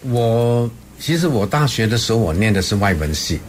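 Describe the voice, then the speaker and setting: An older man, a professor, answering interview questions in a hesitant, halting conversational way. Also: on the low side, sing-song. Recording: clear background ambient noise.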